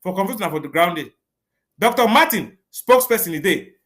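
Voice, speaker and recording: High, rapid Cameroonian Pidgin man. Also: lively intonation. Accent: Cameroonian Pidgin English. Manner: forceful, declamatory, repetitive warnings. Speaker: commander speaking as a guest. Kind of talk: livestream interview address.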